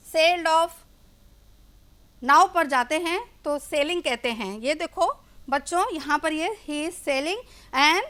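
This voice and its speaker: A woman's voice: sits high, sharp tone. A woman teacher, explaining English words in Hindi to children during a classroom lesson.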